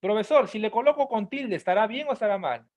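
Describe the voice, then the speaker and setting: A man's voice: high voice, animated, quick pace, a little mellow. A man voicing a curious male student who keeps asking his teacher questions, in an eager, questioning way. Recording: dull lo-fi audio.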